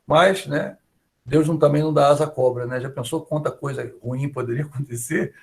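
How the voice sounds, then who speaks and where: This male lecturer speaks in a fairly high, gravelly voice, a little fast and with fairly even intonation. He teaches an online university class with a Brazilian Portuguese accent, keeping it conversational and frequently tacking quick check-in questions onto what he says.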